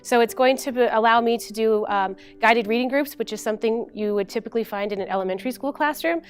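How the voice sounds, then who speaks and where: A woman teacher speaks enthusiastically and quickly about what a grant means for her students. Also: a little high, clean tone. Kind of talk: interview testimonial. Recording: soft music bed underneath.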